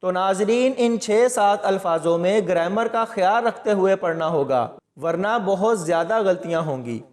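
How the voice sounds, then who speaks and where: A man's voice: high-pitched, long reverb tail. A man teaching Quran recitation, explaining pronunciation patiently and methodically, step by step. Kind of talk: step-by-step tajweed lesson.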